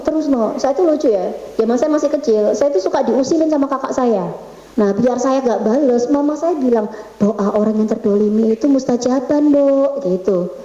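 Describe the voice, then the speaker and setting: A woman's voice: high voice, warm tone, dull audio. A middle-aged woman gives an interactive religious talk to a group of women, chatty and quizzing her listeners. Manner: chatty, quizzes the audience, slips into Javanese. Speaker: religious speaker at a women's study session. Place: government office meeting room. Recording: echoey meeting room.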